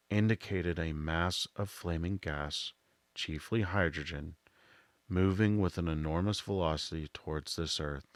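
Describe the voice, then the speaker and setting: Soft, low-voiced man reading a classic novel. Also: no echo. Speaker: audiobook narrator. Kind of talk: scripted literary narration, soft-voice reading.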